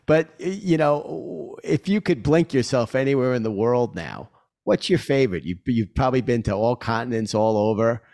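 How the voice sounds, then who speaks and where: A man's voice: mid-range voice, normal speed, vocal fry, a little mellow. A man from New York with a Queens accent, hosting a conversational interview. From New York City. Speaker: interviewer, podcast host.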